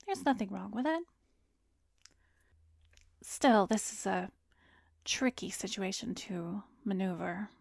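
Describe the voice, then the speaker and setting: A woman gives a heavily acted, expressive performance as a calm therapist, secretly an arrogant vampire, in an ASMR roleplay spoken to the listener. Her mid-range voice is gentle, measured, professional and probing, often breathy and whispered, with a soothing, advising mood. It's recorded dry on a close studio microphone.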